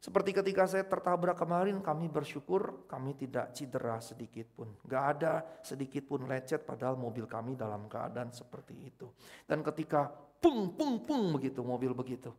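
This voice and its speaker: A middle-aged man preaching a conversational sermon in a church, swinging from loud exclamations to quiet, intimate asides. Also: mid-range voice, lively intonation, moderate pace. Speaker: pastor.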